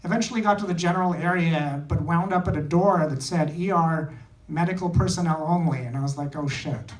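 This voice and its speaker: A brisk, fairly high-pitched Indian comedian delivers a stand-up set in a small comedy theater. His short phrases have a dry, self-deprecating edge. The club echoes, the mic sits far away, and there's loud noise.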